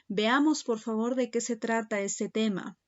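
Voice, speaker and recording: Slow, patient woman teaching a class. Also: fairly high pitch, lo-fi sound. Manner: slow, patient, addresses students directly. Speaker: secondary school teacher. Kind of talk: recorded online lesson.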